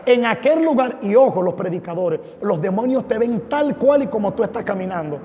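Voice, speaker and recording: A man's voice: sits high, expressive, fairly quick, warm tone. A man giving a fervent, dramatic testimony from a church stage. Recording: echoey hall, dull lo-fi sound.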